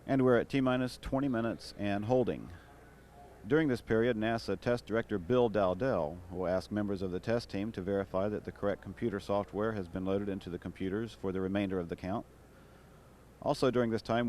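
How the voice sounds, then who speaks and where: American man, live countdown announcer. Deep register, measured official delivery, faint noise behind. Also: darkish tone. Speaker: launch commentator. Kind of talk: live launch commentary. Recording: noisy broadcast with background ambience.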